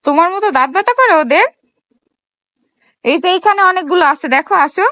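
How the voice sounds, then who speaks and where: A woman talks gently to her toddler, coaxing and asking little questions as she films. Her voice sits high, and it sounds close and dry, with no room echo. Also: lively intonation, a little fast. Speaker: mother filming her toddler. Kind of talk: casual vlog talk to a small child.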